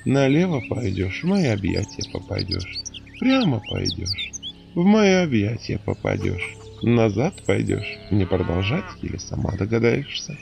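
A man voicing a menacing swamp master spirit, slow and taunting. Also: on the low side, wildly swooping pitch, exaggerated voice. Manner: slow, creaky, taunting whisper-like delivery. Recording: music behind the voice.

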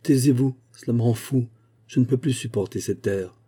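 A man's voice: mid-range voice, normal speed, mellow, breathy edge, close to an everyday voice. Hutchinson, a man doing a desperate young prospector. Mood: agitated. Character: young despairing man of twenty-six, restless.

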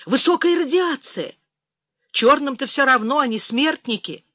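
A woman narrator voicing a panicky, cowardly drunk male officer in a shrill, whining voice. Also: animated, unhurried, no room sound, studio quality. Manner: shrill, whining, higher and louder than narration.

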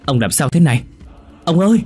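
A man's voice: on the low side, brisk, breathy edge, soft background music. A man reading the lines of a frightened, grieving middle-aged wife in a ghost story, with a pleading, raised voice. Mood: distraught.

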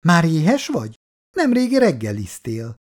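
A man's voice: on the high side, wildly swooping pitch. A man reading a family story aloud and voicing a fussy, anxious middle-aged housewife who scolds and frets. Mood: fretful. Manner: fretful, bossy.

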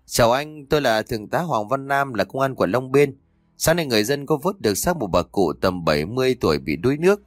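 A man's voice: mid-range voice, big pitch swings, fairly quick, dry recording, clean studio sound, lightly acted. A man doing a formal male police officer.

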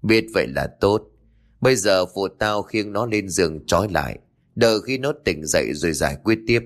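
A level-headed young man in a spoken ghost story, voiced by a male narrator, firmly urging his friend to stop and think. The voice sits low with an expressive pitch. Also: moderate pace. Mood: steady. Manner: urging calm, commanding.

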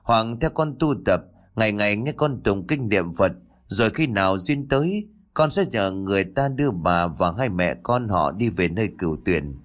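A man voicing a calm, gentle young male Buddhist exorcist who speaks in a measured, persuasive way. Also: fairly low pitch, close to an everyday voice.

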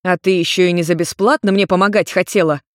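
A woman's voice: fairly low pitch, fairly even intonation, quick pace, no echo, studio quality, lightly acted. A woman playing a curt, exasperated young man. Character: irritated young grey-haired man, blunt son.

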